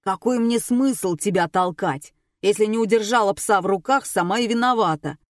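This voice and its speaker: A woman's voice: mid-range voice, normal speed, mellow, no room sound, studio quality, lightly acted. Woman voicing a curt irritated man. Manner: curt, defensive. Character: irritated middle-aged man.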